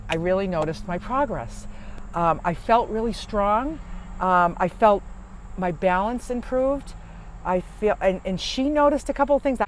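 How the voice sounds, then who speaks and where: Man, van-life vlogger, higher register, loose rambling delivery with fillers; faint vehicle noise behind. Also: expressive, a little slow, poor audio. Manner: rambling, chatty, many fillers and restarts. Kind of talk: casual chat to camera. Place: parked van at a rest stop.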